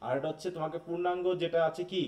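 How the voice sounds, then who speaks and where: A man's voice: on the high side, little pitch movement, racing, darkish tone, distant mic. A man from Bangladesh teaching a live online English literature class. He explains step by step, mixes in English terms and keeps asking if students follow. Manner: explanatory, often checks understanding with tag questions.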